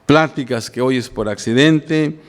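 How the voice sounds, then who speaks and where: A man's voice: mid-range voice, takes it slowly, in a large hall. An older male pastor preaching a homely, conversational sermon to his congregation and often checking in with them. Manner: homely, plain-spoken, often asks the congregation "¿verdad?".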